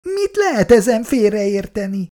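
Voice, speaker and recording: A man reading aloud, voicing a tearful, sharp-tongued young woman in a high, pleading voice. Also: very animated. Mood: hurt, accusing.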